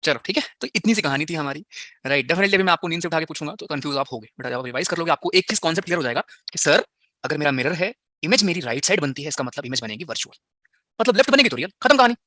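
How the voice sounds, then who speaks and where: High-pitched, fast-talking male physics teacher. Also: lively intonation, bright, forceful tone, no room sound, studio quality. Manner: asks students quick rhetorical questions, mixes in English. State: slightly unwell. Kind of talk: online class lecture.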